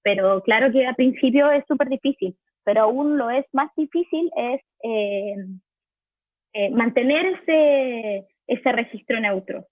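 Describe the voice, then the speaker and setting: A woman's voice: on the high side, a little slow, no echo. A voice actress from Chile with a Chilean accent, answering interview questions from her home recording room in a hesitant way, often restarting and repeating words. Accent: Chilean Spanish. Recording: tinny phone-like line, dry.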